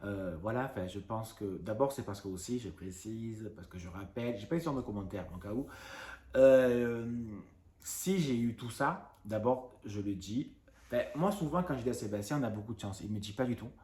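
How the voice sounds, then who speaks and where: Brief: French male YouTuber in his thirties, lowish voice, rapid rambling delivery, roomy phone recording. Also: warm tone. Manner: fast-talking, rambling with many fillers. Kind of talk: casual vlog rant.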